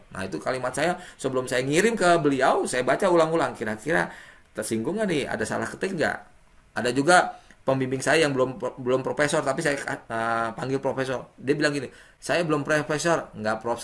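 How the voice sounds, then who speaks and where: A man giving a classroom lecture, animated and acting out sample messages with wide swings in pitch. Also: gravelly.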